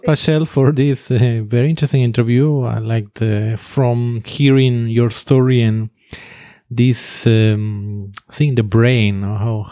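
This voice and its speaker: Guy hosting a podcast, mellow voice, dry close sound, lots of uhs. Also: mid-range voice, no room sound. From Finland. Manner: halting, many fillers and restarts. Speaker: podcast host. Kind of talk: interview conversation.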